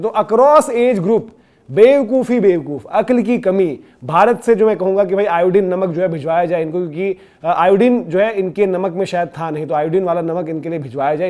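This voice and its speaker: A man's voice: high voice, darkish tone. A man giving scornful, indignant opinion commentary on cricket, hammering his points with repetition.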